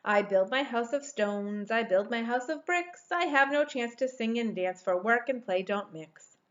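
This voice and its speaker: A woman's voice: on the high side, expressive, unhurried, fairly bright tone, lo-fi sound. A woman voicing a busy, sensible young pig from a children's storybook, giving firm warnings in sing-song rhyme. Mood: proud, firm.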